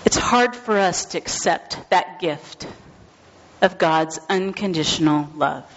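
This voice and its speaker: A woman pastor giving a gentle, deliberate sermon, speaking to the congregation by name. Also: fairly low pitch, lo-fi sound, a little hiss or hum.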